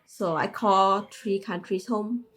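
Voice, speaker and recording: A Malaysian woman in her thirties, a tech manager appearing as a podcast guest, chats casually in a Malaysian English accent and laughs often between phrases. Her mid-range voice is a bit bright and she takes it slowly, though the audio quality is poor.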